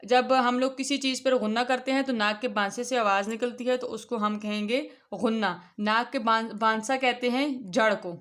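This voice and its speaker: Teaching children to read the Quran, a woman explains things patiently in a fairly high, fairly bright voice, drawing out letter names as she recites. Her tone stays steady and she pauses little.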